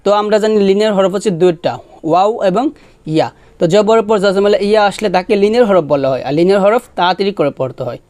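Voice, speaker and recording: A man teaching Quran recitation, spelling out letters and chanting words slowly with long drawn-out syllables. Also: high-pitched, a little mellow, dry recording. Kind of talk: tajweed lesson, spelling and slow recitation.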